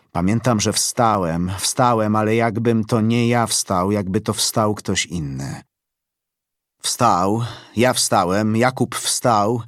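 A man giving a literary audiobook reading in a measured, sombre way. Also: low voice, dry recording, clean studio sound. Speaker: audiobook narrator.

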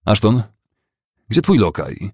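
Brief: stern, icy young man, a male reader's plain voice, husky and dry, recorded close. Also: fairly low pitch, big pitch swings, slow pace, darkish tone, no room sound, pitched above the performer's own voice, heavily acted. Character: cold, grim young man of action.

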